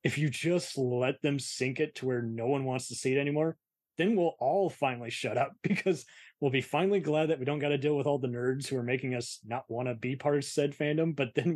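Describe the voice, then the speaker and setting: A man's voice: a little high, a little fast, a little mellow, no room sound, clean studio sound. A man hosting a podcast, ranting profanely in casual chat and laughing often. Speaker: podcast host.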